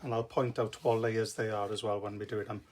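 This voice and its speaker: A man's voice: lowish voice, level tone, a little fast. A man with a Welsh accent giving a casual, informal craft tutorial, explaining step by step. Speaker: craft demonstrator. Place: indoor craft table. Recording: noticeable background noise with clicks.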